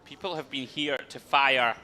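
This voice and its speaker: A man's voice: mid-range voice, fairly even intonation, moderate pace, bright, forceful tone. A man co-commentating a poker tournament live, giving conversational analysis in wry, wordy turns of phrase over music.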